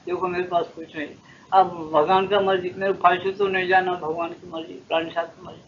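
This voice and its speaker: A man's voice: high voice, little pitch movement, fairly quick, a bit bright, slight background noise. An older man voicing a humble old male cobbler devotee who talks meekly and self-effacingly, on a dull old tape recording. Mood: resigned. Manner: meek, self-effacing pleading.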